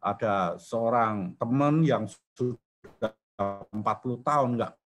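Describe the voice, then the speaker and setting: Older guy sharing his faith testimony, chatty storytelling, keeps calling the crowd brothers and sisters, middle-pitched voice. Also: slow pace. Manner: storytelling, often addressing listeners as brothers and sisters.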